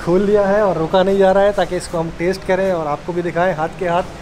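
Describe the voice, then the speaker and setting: A man's voice: sits high, level tone, fast, background noise. A man, chatting enthusiastically to camera as a food vlog host, recorded on a phone at arm's length. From Pakistan. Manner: upbeat, enthusiastic, chatty, addressing the viewer. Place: outdoors at a bakery courtyard, in a car and at a street stall. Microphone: phone held at arm's length.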